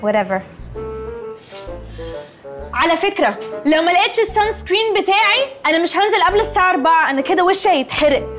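A woman's voice: extremely high pitch, lively intonation, fast, long pauses, music in the background. An actress playing a spoiled, haughty rich young woman in a TV sitcom, speaking Egyptian Arabic and dropping English words. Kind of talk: TV sitcom acting.

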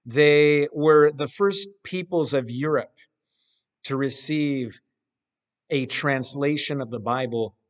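A man in his forties preaching a sermon in an empty church sanctuary, speaking deliberately and gesturing as he talks, filmed close up. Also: medium pitch. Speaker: pastor. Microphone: camera close up at face level.

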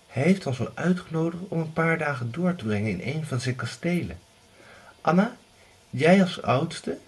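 A pushy, scheming widow mother, as a man puts her on in a storybook reading. Her voice rides high above his own and swings about lively as she coaxes. It has a husky edge. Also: normal speed. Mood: coaxing. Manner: pushy, coaxing, scolding. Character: scheming middle-aged widow, eager mother.

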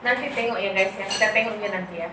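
Fast-talking woman in an echoey room. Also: mid-range voice, sharp tone. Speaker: family mukbang vlogger. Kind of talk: casual chat to viewers while eating. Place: small bare room at home, dining table. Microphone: camera a few metres away. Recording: echoey room, distant mic, clattering dishes, noisy.

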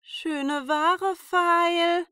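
A woman's voice: high-pitched, takes it slowly, bright, forceful tone, no echo, clean studio sound, voice pushed up, exaggerated voice. Wicked old peddler woman, German fairy tale, raised sly voice acted by a female reader. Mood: calling wares.

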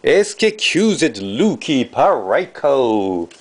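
Slow, lively-pitched man opening hockey cards. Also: a little hiss or hum. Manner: mixes Japanese and English, reads out card names, chuckles often. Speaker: box break show host. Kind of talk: casual card-opening commentary.

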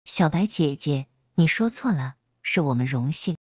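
A woman's voice: low voice, animated, normal speed, a little mellow, no room sound. A woman reading a story aloud, voicing a cheeky, playful young man who wheedles and teases.

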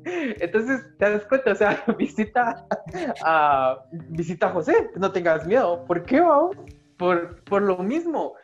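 A man's voice: high-pitched, big pitch swings, a little slow, highs cut off, faint music behind. Joking slangy Central American man. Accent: Central American Spanish. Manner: joking, slangy, laughs often. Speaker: podcast co-host. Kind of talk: casual chat.

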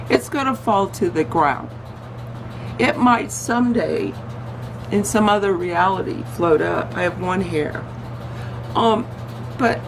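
A woman vlogger chatting in a rambling, digressive way, her voice going hoarse as she loses it. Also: medium pitch, rough recording. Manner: chatty, digressive, self-interrupting. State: losing her voice. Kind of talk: casual rambling vlog chat.

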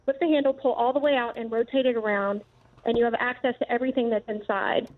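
A woman's voice: on the high side, fairly even intonation, fast. A woman phoning in as a product's inventor, explaining it politely, practically and step by step. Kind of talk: explanatory product demonstration by phone. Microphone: phone call into live show. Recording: tinny, narrow phone line.

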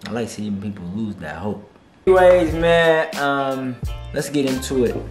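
A man's voice: mid-range voice, lively intonation, a little slow, faint music behind. A young man in his twenties hosting a reaction video, brash, mocking and profane as he comments. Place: small room, seated on a couch. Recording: echoey room.

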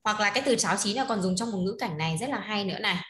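This Vietnamese woman teaches Chinese in an online class, explaining words, repeating them and prompting her students to read aloud. She speaks rapid-fire at a medium pitch with a fairly bright tone, and the room sounds echoey.

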